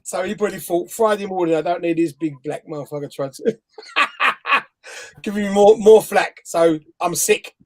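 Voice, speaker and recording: On a remote video call from home, a Bajan-accented man with a high voice tells a story at normal speed, rambling and laughing. He is the guest interviewer in a casual live chat.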